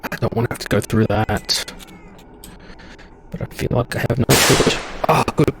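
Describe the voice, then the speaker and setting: A man with a fairly low voice streams a game live, reacting out loud with jumpy, panicky exclamations and frequent swearing. He keeps up a running commentary into a desk mic. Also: steady tone, moderate pace, vocal fry, slight background noise.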